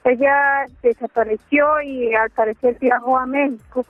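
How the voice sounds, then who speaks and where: A woman's voice: high voice, steady tone, a little slow, no room sound, faint music behind. A woman calling in from the countryside, heard over the phone, pleading and urgent. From Colombia. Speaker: radio caller. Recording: tinny phone line.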